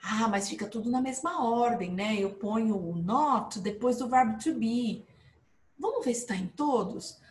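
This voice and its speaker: A woman teaching a live online English lesson, explaining with lively emphasis and checking in with her viewers. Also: fairly high pitch, unhurried, roomy sound, slight background noise.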